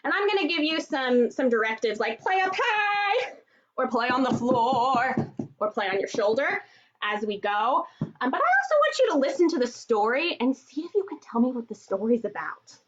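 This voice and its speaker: A woman's voice: a little high, sing-song, moderate pace, highs cut off. A woman from Texas, a music therapist, leading a children's movement and music class and cheerfully speaking straight to the kids at home. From Texas, USA. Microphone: computer microphone.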